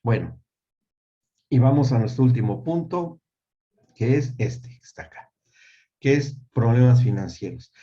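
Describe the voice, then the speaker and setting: A man's voice: medium pitch, sing-song, unhurried, long pauses, mellow. An older man giving a church teaching talk on family, repeating key words for emphasis and checking that listeners agree. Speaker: family ministry speaker. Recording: dull lo-fi sound.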